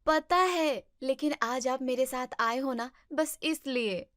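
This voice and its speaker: A pouting young wife and vlogger, acted by a woman talks in a brightish, higher voice, quick to take offense. The sound is dry and close to the mic, with no room echo. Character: young newlywed wife, touchy social media vlogger. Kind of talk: family drama acting.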